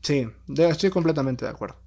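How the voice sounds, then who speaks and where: A young man, co-hosting a casual podcast chat, animated and quick to restart his sentences. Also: fairly high pitch, vocal fry, slightly rough. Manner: animated, restarts often, laughs easily. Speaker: podcast co-host.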